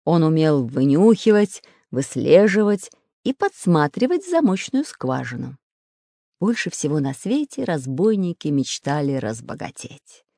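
A narrator giving a lively, expressive storybook reading. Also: mid-range voice, no echo, clean studio sound.

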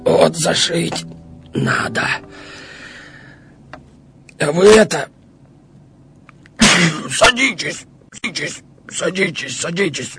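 Old village partisan, very slow n creaky, mutters and repeats himself, loud music behind. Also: male voice, fairly high pitch, animated, full character voice. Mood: fussing, subdued. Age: older. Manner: muttering, repeats his words, halting rustic speech. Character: unshaven elderly partisan ferryman, wary, homely, fussing. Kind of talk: dramatised war story.

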